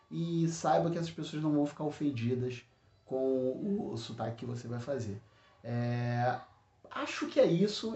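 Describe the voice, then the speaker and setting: A man from Rio de Janeiro with a Carioca accent, hosting a solo podcast of blunt, profane rants and often filling pauses with "é". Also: fairly high pitch, darkish tone, echoey room. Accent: Carioca Brazilian Portuguese. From Rio de Janeiro, Brazil. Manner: blunt, profane, frequent filler "é". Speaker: podcast host. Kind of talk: solo complaint podcast rant.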